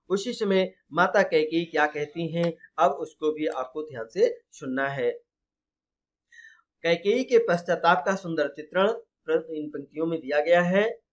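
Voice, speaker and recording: A man's voice: a little high, a bit bright. A man teaching an exam-prep poetry lesson, fondly addressing his students, quizzing them and reciting verse aloud.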